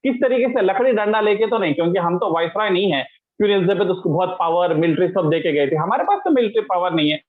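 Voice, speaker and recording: A man's voice: high-pitched, lively intonation, fast talker. Guy teaching casually, lots of english words, sounds like a phone call. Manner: conversational, explains with everyday examples, mixes in English words. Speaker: Islamic teacher. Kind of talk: casual religious lesson. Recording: tinny phone-line sound.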